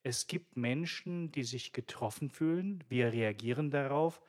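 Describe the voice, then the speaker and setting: Measured, reflective man from Swabia. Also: mid-range voice, a little mellow. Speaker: radio co-host. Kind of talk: radio discussion.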